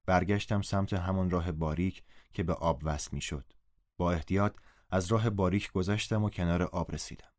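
A man's voice: low voice, fairly even intonation. A man narrating a story in first person, reading the dialogue aloud with a raised voice. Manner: reads dialogue in a raised, louder voice.

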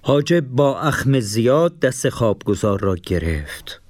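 A man narrating a storybook in a steady, measured way. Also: medium pitch, no room sound.

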